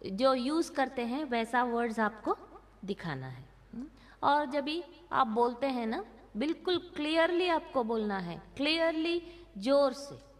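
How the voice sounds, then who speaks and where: A woman giving a spoken lesson to parents, checking in with short questions after nearly every phrase. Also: high voice. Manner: keeps checking in with 'haan?' and 'hmm?'. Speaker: parenting workshop speaker. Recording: long hall reverb.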